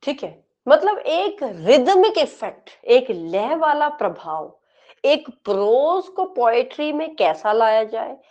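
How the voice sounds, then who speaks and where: Woman exam lecturer, highish voice, slow dictation style, lo-fi classroom recording. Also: very animated, darkish tone. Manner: dictates notes slowly, stretching English phrases word by word; explains in quick Hindi with frequent checks like "ठीक है?". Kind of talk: classroom lecture mixing Hindi and English.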